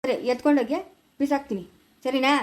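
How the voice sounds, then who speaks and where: A stubborn village son, acted by a woman, talks back in a high, quick voice. He speaks with a rural Chikkaballapura Kannada accent, curt and dismissive. It is an amateur family skit. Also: very noisy, natural voice. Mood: defiant. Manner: curt, dismissive, then soft cooing with a baby. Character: grown village son, defiant and sharp-tongued.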